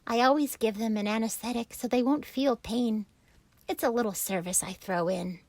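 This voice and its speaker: A woman voicing a wise, kindly female spider with a sweet, measured and brisk way of speaking, a bit higher than her own voice. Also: darkish tone, no echo. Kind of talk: storybook reading.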